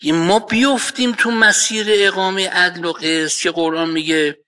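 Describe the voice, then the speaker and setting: A man, an expert in Islamic economics, explaining his views in a lively discussion, arguing with everyday examples and quoted Arabic verses. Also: high-pitched, clean tone.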